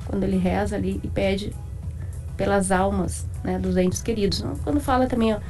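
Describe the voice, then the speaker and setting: A woman's voice: mid-range voice, steady tone, normal speed, darkish tone, faint music behind. A woman from Porto Alegre with a southern Brazilian accent, a guest author explaining her faith in a radio studio interview, often adding tag questions. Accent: Brazilian Portuguese, Porto Alegre.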